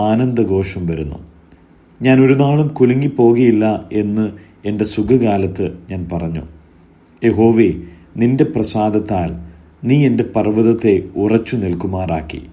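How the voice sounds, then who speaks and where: Dark-voiced man reading scripture solemnly. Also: on the low side. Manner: measured, phrase by phrase, lifting each invocation. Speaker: scripture reader.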